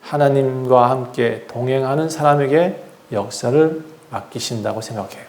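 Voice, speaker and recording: A man's voice: medium pitch, normal speed, a little mellow, reverberant, slight background noise. A man preaching a sermon as pastor of his church, earnest, acting out the voices of people he quotes. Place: church sanctuary.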